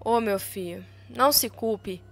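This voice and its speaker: A woman voicing a proud middle-aged rancher father in a retold soap-opera scene, dropping her voice low and soft to console and brood. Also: unhurried, soft background music. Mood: consoling.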